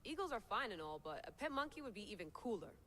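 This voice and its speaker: A woman's voice: medium pitch, sing-song, quick pace, close to an everyday voice. An actress playing a wry, self-assured woman adventurer with dry, casual delivery in video game dialogue. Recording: game audio with faint ambient noise.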